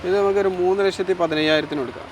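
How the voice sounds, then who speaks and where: Very fast Malayalam-English male car dealer. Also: high-pitched, steady tone. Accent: Kerala Malayalam. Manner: short, clipped answers, often repeated. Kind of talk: casual answering with car details. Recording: outdoor street noise, clear traffic.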